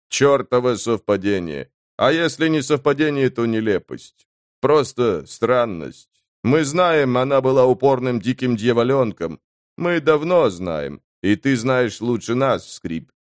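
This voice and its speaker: A man's voice: mid-range voice, animated, measured pace, no room sound, clean studio sound, close to an everyday voice. A man voicing a tense, evasive male soldier-mage who brushes questions off in a fantasy audiobook. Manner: tense, dismissive.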